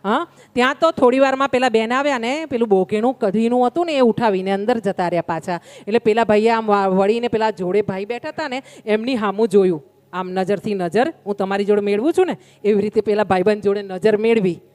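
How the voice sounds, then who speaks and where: A woman's voice: medium pitch, fairly quick, darkish tone. Humorous woman telling a devotional story. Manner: conversational, humorous, addresses the audience directly. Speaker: religious storyteller.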